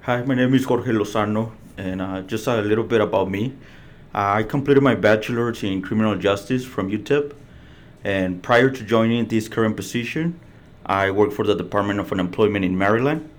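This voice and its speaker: A man's voice: on the low side, moderate pace. A man introducing himself in a composed, slightly formal way. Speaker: resilience navigator. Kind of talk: personal introduction.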